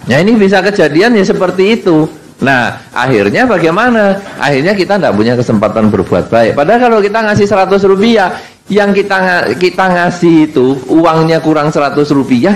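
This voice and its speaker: A man's voice: on the high side, a little hiss or hum, low-quality recording. An older man, a Buddhist monk giving an informal, humorous sermon to a congregation and acting out the people he quotes. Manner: humorous, acts out quoted people in mixed Javanese phrases.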